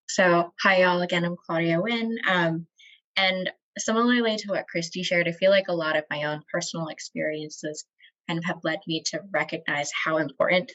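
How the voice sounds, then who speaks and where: An earnest woman speaking on a discussion panel. Her voice is on the low side and the audio sounds dull and lo-fi. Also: fairly bright tone. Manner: earnest, thoughtful.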